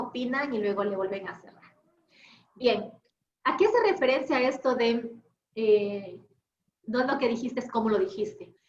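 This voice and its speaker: A woman trainer from Ecuador, teaching an online class with fast, lively talk and questions to the group. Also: a little high. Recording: echoey, dull video-call audio with faint noise.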